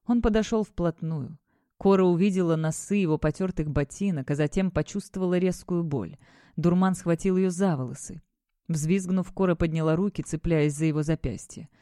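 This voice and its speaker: A woman narrating an audiobook in a steady, expressive reading voice. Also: on the low side, moderate pace, no room sound, clean studio sound.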